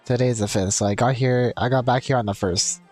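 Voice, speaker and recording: With game music in the background, a man livestreaming a game chats informally and rambles, reading game text out loud. His voice is medium in pitch, steady and brisk, slightly mellow.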